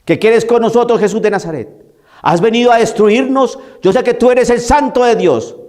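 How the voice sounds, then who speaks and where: A man playing a possessed man who shouts mocking insults at a priest. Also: extremely high pitch, moderate pace, pitched above the performer's own voice. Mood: mocking, hostile.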